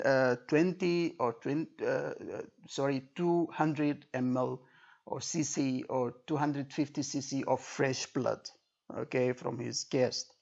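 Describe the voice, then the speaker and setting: A man coaches exam students in an informal lecture, acting out example phrases, circling back over points and often checking in with "okay" and "right." His creaky voice is medium in pitch and a little mellow. The recording is dull lo-fi.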